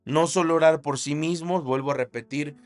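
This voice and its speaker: A male pastor preaching a sermon, telling a story with dramatic emphasis and shouted sound effects. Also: on the high side, fairly even intonation, moderate pace, faint music behind.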